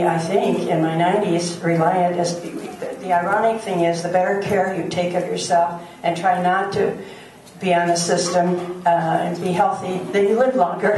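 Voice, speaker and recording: A woman's voice: on the low side, a little mellow. A woman in her late eighties asking a question at a town hall meeting, chatty and laughing between points. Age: 80s. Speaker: audience member asking a question. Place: large hotel meeting room. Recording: roomy hall, far from camera, crowd noise.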